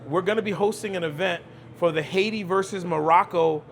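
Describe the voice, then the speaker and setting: There's a slight hiss or hum as this high-pitched man, a cigar lounge owner from Brooklyn, New York, speaks fairly quickly as a podcast guest. He answers conversationally, with emphasis and repeated phrases.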